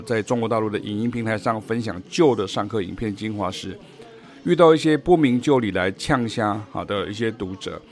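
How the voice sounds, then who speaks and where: A Taiwanese man with a Taiwanese Mandarin accent and a lowish voice teaches jazz on a podcast. He explains his points by singing rhythm syllables.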